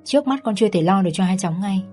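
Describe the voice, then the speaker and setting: A woman's voice: mid-range voice, lively intonation, racing, dark tone, faint music behind, close to an everyday voice. A woman voicing a remorseful man, once jailed, who pleads humbly with his mother-in-law. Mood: pleading.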